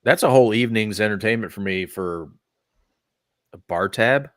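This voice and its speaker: A man from Texas hosts a casual chat podcast about wrestling and gaming, rambling at a moderate pace with plenty of fillers and restarts. His voice is fairly low-pitched, and the recording is dry and of studio quality.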